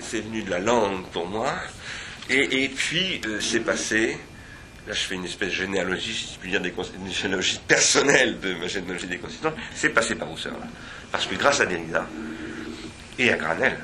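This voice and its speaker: A man speaking at an academic seminar, digressive and reflective, pausing often and restarting his sentences. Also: lowish voice, background noise.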